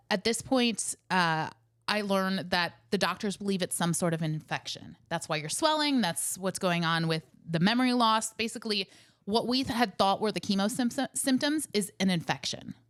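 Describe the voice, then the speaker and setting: A woman co-hosting a podcast, recounting events with wry, animated storytelling. Her voice sits at a middle pitch. The sound is dry and close, with no room echo. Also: normal speed. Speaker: podcast co-host.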